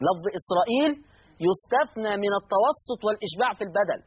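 Egyptian male recitation teacher, rapid lesson delivery, repeats rules, slow recited words, husky tone. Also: sits high, expressive, dull audio. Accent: Egyptian Arabic. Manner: repeats each rule, shifting into slow drawn-out recitation of verse words. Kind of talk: explanatory lesson on Quran reading rules.

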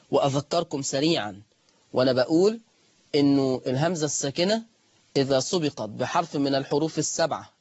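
Man, Egyptian accent, recitation teacher, high voice, dry close sound. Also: slightly rough, no room sound, lo-fi sound. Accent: Egyptian Arabic. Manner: explains step by step in colloquial speech, chants recitation examples slowly. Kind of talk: lesson on the reading of Warsh.

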